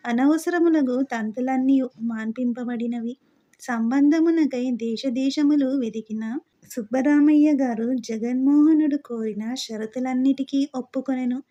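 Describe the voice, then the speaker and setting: A woman reads a classic novel aloud, her voice pitched a little high yet soft and mellow in tone. She keeps a steady, formal literary delivery throughout. The recording sounds dull and lo-fi. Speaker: audiobook narrator.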